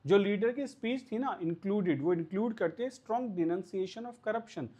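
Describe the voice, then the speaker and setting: Man teaching vocabulary, higher voice. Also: measured pace, warm tone. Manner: explains step by step, repeats words, asks and answers his own questions. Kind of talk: exam-prep vocabulary lesson.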